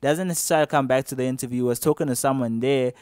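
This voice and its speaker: A man's voice: medium pitch, rapid-fire, darkish tone, no echo, studio quality. A young man casually recounting to camera something that happened to him at an interview, rambling along with lots of fillers and restarts.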